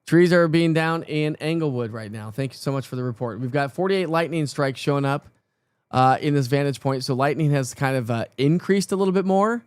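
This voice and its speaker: A man's voice: a little high, a little fast, clean tone, no echo. A man presenting live severe weather coverage off the cuff, talking informally and directly to viewers.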